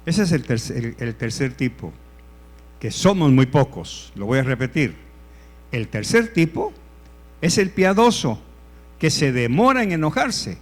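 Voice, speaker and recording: A male pastor preaching a sermon, repeating his points emphatically and swinging between loud and hushed delivery. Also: mid-range voice, very animated, unhurried, long pauses. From El Salvador.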